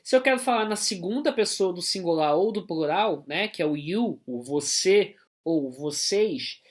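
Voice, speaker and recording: A man's voice: sits high, expressive, a little slow. A man with a Brazilian Portuguese accent, an English teacher giving a recorded grammar lesson to schoolchildren, explaining patiently and checking in often.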